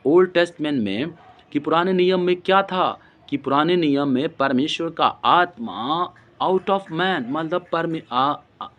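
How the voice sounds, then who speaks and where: A man's voice: fairly high pitch, measured pace, dull audio. A man preaching a sermon, repeating phrases for emphasis and breaking into speaking in tongues. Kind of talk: Hindi sermon with Bible reading.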